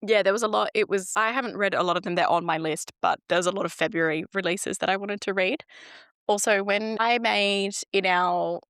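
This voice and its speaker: A woman's voice: medium pitch, steady tone, fairly quick, fairly bright tone, smooth, no echo, clean studio sound. A woman co-hosting a podcast, chatting casually about books in an informal, rambling way and often quoting herself. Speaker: podcast co-host.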